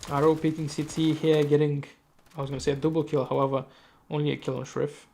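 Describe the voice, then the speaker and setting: Guy casting a live esports match, fast play-by-play, kinda high voice, keeps correcting himself. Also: vocal fry, slight background noise. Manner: rapid, self-correcting, chatty asides, sudden excited outbursts. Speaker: esports caster.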